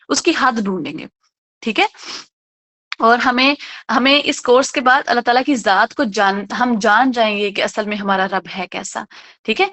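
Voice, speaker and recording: A woman's voice: fairly high pitch, fairly bright tone. A woman teaching a religious lesson, patiently explaining each word and often checking that her students follow, with English words mixed into her speech. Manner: patient, repeats 'theek hai?' to check understanding. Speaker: Quran teacher.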